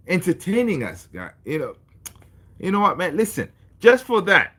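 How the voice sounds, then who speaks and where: A man's voice: sits high, a bit bright. A man from Tanzania hosting a casual football livestream, chatting with viewers in a laid-back, chummy way and reading their comments aloud. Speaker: football channel host.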